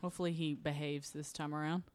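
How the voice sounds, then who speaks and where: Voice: medium pitch, level tone, fast, a little mellow, clear, resonant tone. A co-host trading teasing banter with friends in a small apartment living room. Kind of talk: casual chat among friends.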